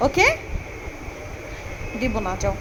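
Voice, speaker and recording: A young Bangladeshi mother filming a family vlog at home, sweet-talking and pleading with her small children. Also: slow. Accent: Bangladeshi Bengali. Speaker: vlogger mother. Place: home, indoors. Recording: noisy home phone recording.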